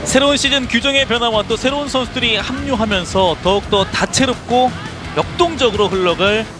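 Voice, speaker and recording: High-voiced male race announcer over loud music. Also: brisk. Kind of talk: live motorsport commentary.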